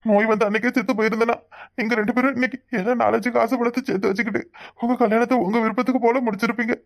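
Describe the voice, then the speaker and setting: Cartoon voice: an ailing old village father with a southern Tamil accent, voiced by a woman. He speaks fast but softly and wearily, full of guilt about being a burden. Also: on the high side, fairly even intonation, natural voice. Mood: mournful. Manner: weary, guilt-ridden, soft. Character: sick old village father, self-pitying, coughing. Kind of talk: cartoon voice acting.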